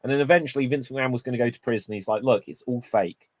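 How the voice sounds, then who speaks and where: A man co-hosting a wrestling news show, talking in a casual, animated way and spinning playful theories. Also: medium pitch, fast talker, dry recording. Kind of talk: casual chat.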